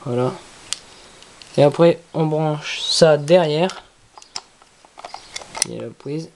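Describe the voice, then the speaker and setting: A product reviewer talking casually through an unboxing in a halting, repetitive way. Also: medium pitch. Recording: clearly noisy with handling clicks.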